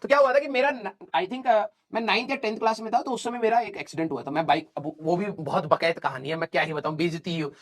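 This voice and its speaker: A man's voice: high voice, fast, hardly any pauses. Joking young male teacher telling a story. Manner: animated, joking, switches between Hindi and English. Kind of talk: casual storytelling to students.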